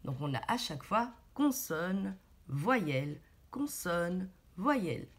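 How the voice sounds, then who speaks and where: A woman teacher giving a reading lesson to small children, speaking very slowly and carefully. Her low-ish voice rises and falls a lot as she sounds out each syllable. She is patient and encouraging, and she praises the child often. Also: big pitch swings. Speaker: primary school teacher.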